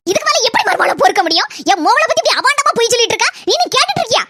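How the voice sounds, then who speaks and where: Cartoon casting: shrill, fast-talking, scheming mother-in-law with a Kanyakumari Tamil accent, bright dry sound. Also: sing-song, no room sound, full character voice. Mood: pleading. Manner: shrill, rapid, repeats words insistently. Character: scheming middle-aged mother-in-law, defensive and pleading. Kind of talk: cartoon voice acting.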